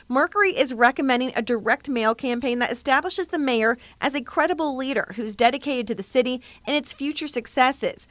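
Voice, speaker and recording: A woman's voice: high-pitched, fairly bright tone, a little hiss or hum. An American woman reporter narrating a scripted investigative news exposé for television.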